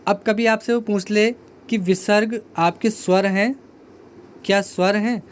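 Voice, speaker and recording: High-voiced man teaching grammar. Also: steady tone, unhurried, slight background noise. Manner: explanatory, repeats key terms, asks the viewer questions. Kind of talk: exam-prep grammar lesson.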